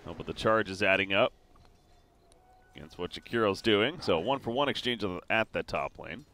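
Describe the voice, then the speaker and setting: Guy casting a video game match live, slightly low voice, bright and punchy, quick excitable calls with lots of uhs. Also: slight background noise. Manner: quick, excitable play-by-play with frequent fillers. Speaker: esports caster.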